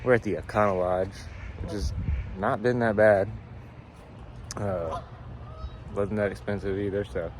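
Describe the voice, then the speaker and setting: A man's voice: on the low side, fairly even intonation, unhurried, pauses often. A man talking casually to camera as a family vlog host, recorded outdoors with some background noise. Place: outdoors behind a hotel in the morning.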